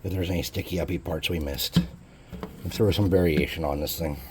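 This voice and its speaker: A man's voice: low voice, fairly even intonation, a little fast, darkish tone, slight background noise. A man hosting a casual hobby crafting tutorial, chatting in a laid-back, jokey way as he works. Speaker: crafting channel host.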